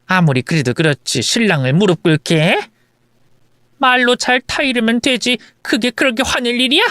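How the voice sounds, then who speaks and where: A woman voicing a bossy older mother-in-law who scolds and shouts. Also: fairly high pitch, moderate pace, no room sound, studio quality, pitched above the performer's own voice, close to an everyday voice. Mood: scolding.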